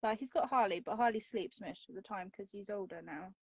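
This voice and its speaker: A woman's voice: medium pitch, fairly quick, darkish tone, husky, dry recording. A woman chatting casually while colouring on a livestream, laughing often between remarks. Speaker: livestream co-host. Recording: dull, dry lo-fi livestream audio.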